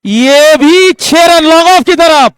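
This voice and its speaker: A man delivers live ball-by-ball cricket commentary, stretching out his excitable calls on the big moments. His voice is very high-pitched, and there's no room sound.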